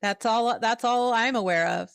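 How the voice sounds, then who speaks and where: A woman's voice: fairly high pitch, normal speed, creaky, fairly bright tone, no room sound, studio quality. A woman hosting a livestream in a chatty way, laughing often, heard through a headset mic. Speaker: livestream host. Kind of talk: casual livestream chat.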